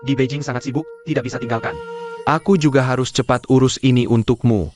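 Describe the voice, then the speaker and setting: A man voicing a reassuring young younger brother in a dubbed drama series, speaking in an even tone, with music behind him. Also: medium pitch, quick pace, close to an everyday voice. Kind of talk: Indonesian dub of a drama series. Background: background music.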